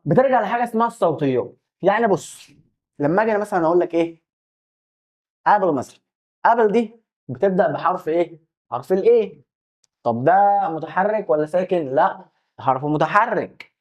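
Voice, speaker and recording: Egyptian man teaching casually, slightly high voice. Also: animated, fairly quick. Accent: Egyptian Arabic. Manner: plays out imagined student questions in dialogue. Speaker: English teacher. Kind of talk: casual classroom explanation.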